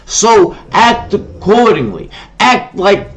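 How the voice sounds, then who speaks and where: A man's voice: high-pitched, sing-song, takes it slowly. A man hosting a solo livestream, talking in an impassioned, preachy way and often repeating "okay?" to make his point. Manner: shouts at someone off-mic. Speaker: livestream host.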